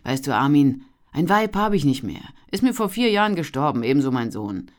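A narrator voicing a jovial, stocky peddler in his thirties, calling out loudly and cheerfully in an audiobook. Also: very animated, fairly quick, lightly acted. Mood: candid. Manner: loud, cheerful, booming calls. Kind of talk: audiobook character voice.

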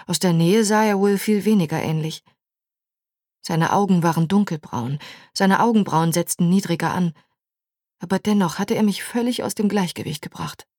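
A woman narrating an audiobook in a measured, expressive reading. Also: lowish voice, dry recording, clean studio sound. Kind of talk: scripted narration.

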